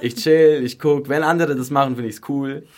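This podcast guest, a Greek and southern German man in his early twenties who sings and entered a song contest, chats openly in youthful, colloquial language, repeating things for emphasis. His medium-pitched voice is steady, a little mellow and at normal speed in the casual interview.

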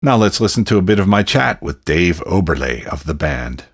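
A male podcast host who announces tracks and asks questions in a measured, polite way. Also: deep voice, very animated, husky, no room sound, studio quality. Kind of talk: radio-style interview hosting.

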